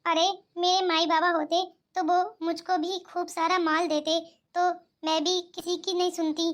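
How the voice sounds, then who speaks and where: A put-upon young daughter-in-law played by a woman in a cartoon. Her voice is tiny and very high, with a bright, sharp edge. She speaks politely and gently, always deferring to others. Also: flat delivery, moderate pace. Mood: resigned. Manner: polite, soft-spoken and deferential. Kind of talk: cartoon voice acting.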